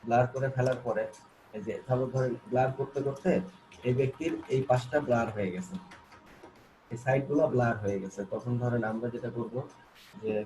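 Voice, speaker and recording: A man gives a screen-recorded software tutorial at a quick clip, repeating and restarting as he points things out. His voice sits at a middling pitch. A clear hiss of noise runs under the recording from a desk mic. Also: fairly even intonation, low-quality recording. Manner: repetitive, coaxing, many fillers and restarts. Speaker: graphic design instructor.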